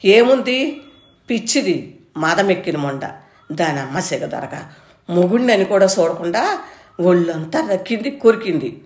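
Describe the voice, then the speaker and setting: A woman's voice: lowish voice, expressive, measured pace, long pauses, a little mellow, roomy sound. A woman putting on a coarse, ranting village husband.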